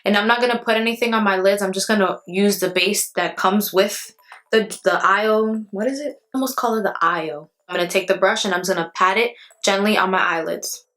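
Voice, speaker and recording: A woman's voice: mid-range voice, brisk, a bit bright. A woman chatting casually to her viewers as she gives a makeup tutorial in the style of a beauty vlogger. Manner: chatty, addresses viewers directly. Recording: music playing behind the voice. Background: background music.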